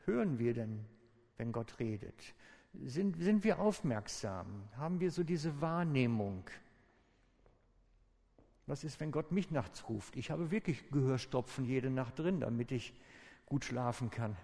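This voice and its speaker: A man giving a sermon in a relaxed, conversational storytelling way, with informal asides to his listeners. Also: medium pitch, unhurried, vocal fry. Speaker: preacher. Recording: echoey hall with long reverb.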